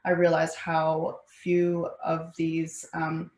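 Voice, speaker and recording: A woman founder speaking in a level, low-set voice that barely rises or falls. She talks in measured phrases with frequent pauses and fillers. Her voice carries a roomy echo. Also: completely flat delivery, a little mellow. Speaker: food company founder. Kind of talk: panel interview answer. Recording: echoey room.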